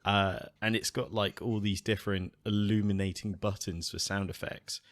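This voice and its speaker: A man with a lowish voice hosts a podcast, chatting in a relaxed, easygoing way. The sound is close and dry, with little room. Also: moderate pace, dry recording. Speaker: podcast host. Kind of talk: casual chat.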